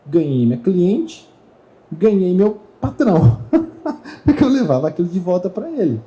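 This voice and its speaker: Animated man with a very dark voice. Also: sits high, measured pace, rough recording. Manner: animated storyteller who acts out voices in dialogue. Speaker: speaker at a trade fair. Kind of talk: storytelling talk to an audience. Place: talk stage at a trade fair.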